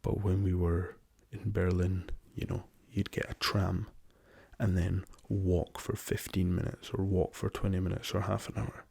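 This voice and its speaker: Hoarse from a cough that won't quite go away, this young man murmurs softly in a low, flat, gravelly voice with a dark tone. Hosting an ASMR travel chat, he stays gentle and slow, hesitating with frequent ums and slipping into whispers.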